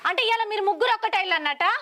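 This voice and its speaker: An actress playing a hostile, sharp-tongued wife, scolding in shrill, scornful questions. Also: female voice, fairly even intonation, fast talker, a loud crowd. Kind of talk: emotional short-film acting. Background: music.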